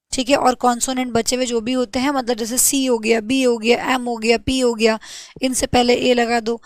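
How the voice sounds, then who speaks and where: Repetitive, high-voiced woman teacher. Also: no echo. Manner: repetitive, asks and answers own questions, spells letters slowly. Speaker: English grammar teacher. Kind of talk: classroom lesson for exam students.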